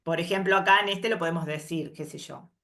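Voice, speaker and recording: A woman teaching an English workshop, moving between explanations and carefully spoken English examples and checking in with a soft questioning "mm?" after each point. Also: lowish voice, steady tone, fast talker. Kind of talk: slow explanatory workshop lesson.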